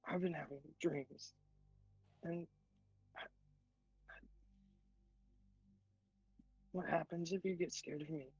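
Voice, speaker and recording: A man doing a scared young girl, gravelly. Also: on the high side, fairly even intonation, a little mellow, dry recording, dull audio. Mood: fearful. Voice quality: attempted gravelly voice. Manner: halting, repeating himself. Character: frightened young girl, anxious and confused.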